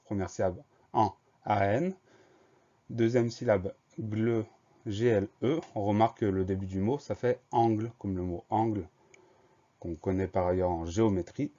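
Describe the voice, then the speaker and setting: Man, spelling lesson teacher, careful letter-by-letter spelling, mellow, dull lo-fi sound. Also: lowish voice. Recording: dull lo-fi recording.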